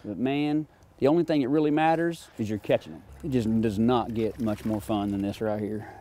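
Folksy middle-aged fishing guide. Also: male voice, fairly low pitch, a little fast, mellow, a little hiss or hum. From Oklahoma. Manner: folksy, easygoing teacher. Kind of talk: casual outdoor fishing talk. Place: creek bank outdoors.

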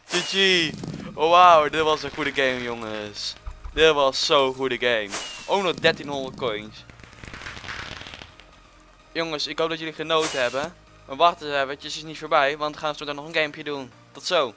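Excitable bright-voiced young gamer guy. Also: a little high, normal speed, faint music behind. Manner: excitable, chatty, swings between loud outbursts and muttering. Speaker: gaming YouTuber. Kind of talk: casual gameplay commentary.

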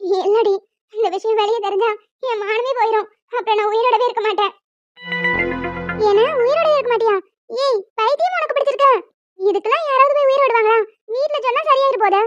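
A woman's voice: extremely high pitch, brisk, no room sound, lo-fi sound, faint music behind. A woman voicing a distressed young female college student who talks in an emotional, pleading way. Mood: worried.

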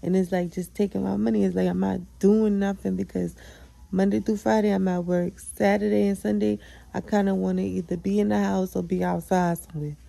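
Gravelly, dark-voiced young woman chatting. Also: mid-range voice, little pitch movement, fairly quick, dry recording, rough recording. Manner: chatty, candid, profane, self-affirming. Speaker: podcast host. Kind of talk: casual solo vlog chat.

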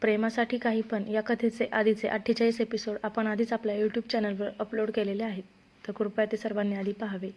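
A woman narrating a romance story in a steady storytelling voice. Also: mid-range voice, brisk. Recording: dull lo-fi recording.

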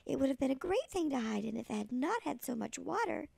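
A sweet older woman with a thin, creaky voice, reading a children's story expressively like a kindly storyteller. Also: sits high, big pitch swings, quick pace, darkish tone, no echo. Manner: sweet old lady.

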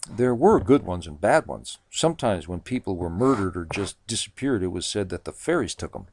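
A man voicing Spencer, an excitable man lecturing his friends on fairy lore in a storybook reading. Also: deep voice, moderate pace, slight background noise. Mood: eager.

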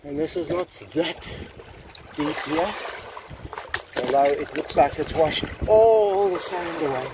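Slow-talking man by the sea. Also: fairly high pitch. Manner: chatty, self-mocking, thinking aloud. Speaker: metal-detecting vlogger. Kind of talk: rambling stream-of-consciousness commentary. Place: outdoors, wading through sea among rocks. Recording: outdoor recording with loud water noise.

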